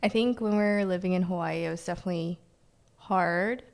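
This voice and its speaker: A woman's voice: on the low side, brisk. A young adult woman talking as a podcast guest in a rambling, casual way, filling her sentences with "like". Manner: rambling, heavy use of "like". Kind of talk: casual chat.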